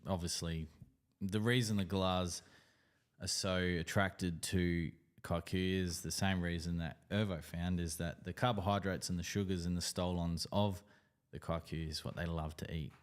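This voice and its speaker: Low-pitched Australian man, casual explainer. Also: fairly even intonation, moderate pace. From South Australia. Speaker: lawn care expert co-host.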